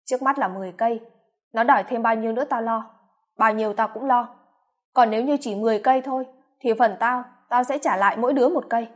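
A woman reading the part of a wise older eldest brother, speaking slowly and in measured tones. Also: extremely high pitch. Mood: firm. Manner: slow, measured lecturing.

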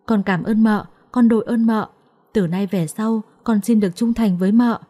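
A woman's voice: mid-range voice, normal speed, mellow, lightly acted. A woman voicing a naive young servant girl who begs tearfully. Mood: pleading. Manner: tearful, begging.

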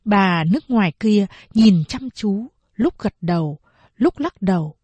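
Husky-voiced woman reading a novel aloud. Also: mid-range voice, lively intonation, a little mellow, no room sound. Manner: measured storytelling. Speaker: audiobook narrator. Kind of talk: scripted narration.

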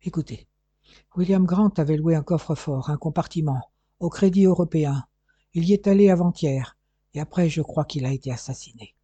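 A man voicing a dying older male detective who speaks weakly and haltingly, short of breath, in an audiobook. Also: fairly high pitch, warm tone, breathy edge, no room sound, lo-fi sound. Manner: weak, halting, breathless speech.

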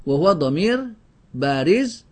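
A man's voice: fairly high pitch, big pitch swings, measured pace. A man teaching a grammar lesson to a class, drilling word lists and quizzing students with questions. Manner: often breaks off and restarts words.

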